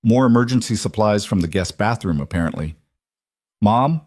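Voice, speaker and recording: A man narrating a scripted story in an even, measured reading voice. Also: on the low side, no echo, studio quality.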